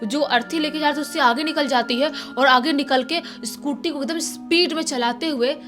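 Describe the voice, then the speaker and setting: A woman tells a horror story in a casual, chatty way, circling back over her words as she goes. Her voice sits high, and soft music plays faintly underneath. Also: normal speed. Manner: chatty, repetitive, animated retelling. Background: faint background music.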